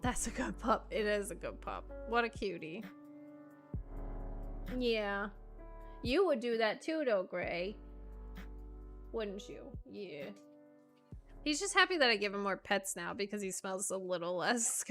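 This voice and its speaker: A woman's voice: mid-range voice, lively intonation, unhurried, pauses often, fairly bright tone, faint music behind. A young woman streaming from home at a desk mic, chatting casually, laughing often and cooing praise at her dog. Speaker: live streamer.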